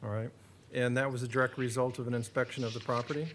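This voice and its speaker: City attorney, male, American. Average pitch, explanatory and informal wording in a legal setting, light room noise. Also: flat delivery, quick pace, fairly bright tone. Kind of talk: legal explanation and witness questioning. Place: public hearing room.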